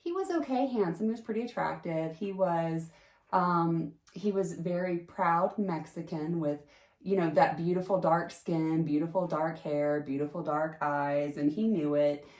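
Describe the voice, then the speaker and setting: Chatty woman with a lower voice in a roomy space. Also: unhurried, darkish tone. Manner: chatty, emphatic, with frequent fillers and restarts. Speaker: storyteller sharing a personal experience. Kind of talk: casual personal storytelling. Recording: roomy echo.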